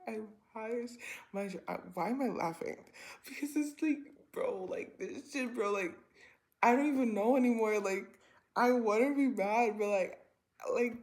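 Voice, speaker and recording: A woman in her twenties telling a personal story to camera in a rambling, animated way, full of slang and filler words. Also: a little high, a little slow. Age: 20s. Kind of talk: casual storytime vlog.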